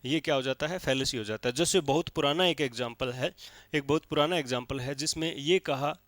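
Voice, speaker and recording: A man's voice: medium pitch, a little fast, fairly bright tone, no room sound. A male teacher giving a classroom lecture in speech, explaining step by step and checking in often with his listeners. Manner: explains step by step with frequent checks like "theek hai".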